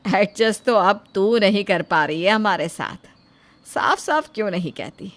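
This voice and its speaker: A woman's voice: medium pitch, a little slow, a bit bright, slight background noise. A woman doing a blunt, scolding mother-in-law. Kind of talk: Hindi storybook voice acting.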